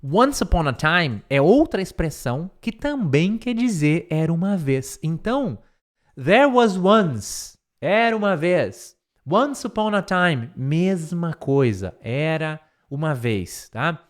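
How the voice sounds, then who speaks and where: A man teaching English in a recorded online lesson. He explains patiently, repeats words slowly to drill them, and asks himself questions aloud before answering them. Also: a little high, sing-song.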